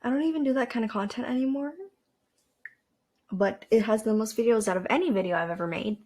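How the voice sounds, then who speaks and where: A woman's voice: on the high side, fast talker, darkish tone. A young woman from Canada, hosting a podcast and rambling casually into a desk microphone, chatty and self-deprecating, with fillers and restarts. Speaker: podcast host. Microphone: desk microphone with a cord.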